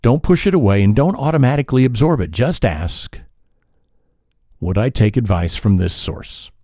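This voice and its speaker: A podcast host talks alone in a calm, measured, reflective way, now and then pausing or correcting himself partway through a sentence. His voice is mid-range, and the studio-quality audio has no echo.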